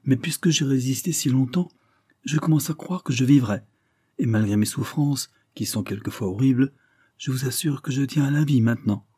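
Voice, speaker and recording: A frail young lord with a low, languid voice and unfailing courtesy, read by a man in an audiobook. The tone is mellow and a little husky, set close and dry without room sound. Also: normal speed, no echo, natural voice. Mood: gentle. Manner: exquisitely polite. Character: frail young male nobleman, gentle and courteous. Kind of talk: audiobook character reading.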